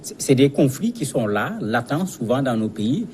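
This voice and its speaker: A guest analyst in a news interview, a man of medium pitch, offers explanatory commentary in a sing-song, darkish voice at normal speed. He speaks didactically and repeats words while searching for phrasing, with slight background noise.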